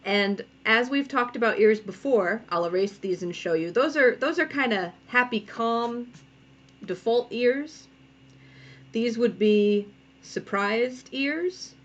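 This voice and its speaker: A woman's voice: a little high, lively intonation, slow pace, muffled recording. A woman cartoonist giving a casual drawing tutorial from home, chatty and giggly, often breaking off to scold her cats. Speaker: cartoonist teaching a draw-along.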